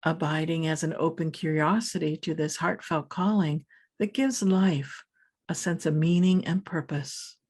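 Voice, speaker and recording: Leading a scripted guided meditation, a woman meditation teacher speaks in a low-pitched voice with a breathy edge. She sounds calm and soothing, keeps a measured pace, and pauses between phrases.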